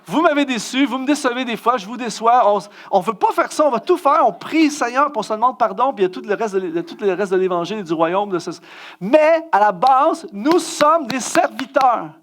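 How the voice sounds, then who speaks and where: A man's voice: fast, few pauses. A middle-aged man with a Quebec French accent giving a self-mocking, story-driven sermon as a guest speaker and musician. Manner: animated, self-mocking, acts out scenes with big pitch jumps.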